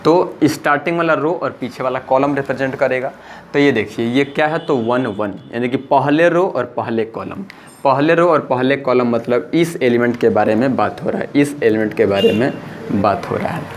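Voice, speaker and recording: A male math teacher, pitched at a middling level for a man. He walks through each step slowly and repeats it, urging the class to watch closely. A faint hiss of noise sits under the voice. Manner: patient, repeats steps and urges listeners to pay attention. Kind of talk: blackboard math lesson.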